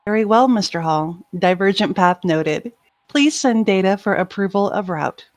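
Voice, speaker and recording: A woman's voice: mid-range voice, animated, moderate pace, dry recording, close to an everyday voice. Woman as a formal female space mission controller. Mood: official. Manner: polite, clipped, official. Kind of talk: science fiction audio drama acting.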